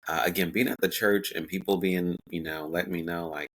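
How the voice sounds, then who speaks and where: Podcast guest, male, 40s, very low bright voice, reflective and chatty. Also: fairly even intonation, a little fast, rough recording. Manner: reflective, many fillers and self-quotes. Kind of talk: casual interview talk.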